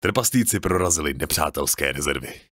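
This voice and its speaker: A man reading an audiobook in scripted narration, expressive and dramatic. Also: a bass voice, no room sound, clean studio sound.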